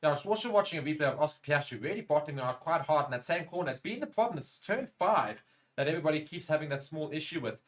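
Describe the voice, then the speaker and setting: Male co-host for a live race watchalong, rapid delivery, slightly higher voice, briskly calls times. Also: lively intonation. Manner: brisk, reads out viewer chat comments. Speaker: co-host and F1 commentator.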